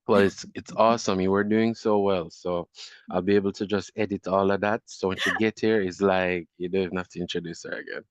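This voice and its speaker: Deep flat man on a dull line. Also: a little fast, no echo. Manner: reassuring, hesitant fillers. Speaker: event organizer. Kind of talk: casual aside. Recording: dull dry online call audio.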